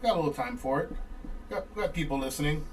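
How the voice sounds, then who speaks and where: A man's voice: a little high, animated, quick pace, slight background noise. A man hosting a casual podcast, joking and teasing listeners as he runs a trivia giveaway. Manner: wisecracking, teasing. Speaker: podcast host.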